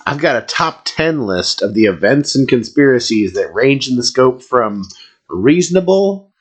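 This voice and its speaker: A man's voice: medium pitch, big pitch swings, a little slow, slightly rough. Man reading a podcast countdown list. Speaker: podcast co-host. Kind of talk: reading a top ten list.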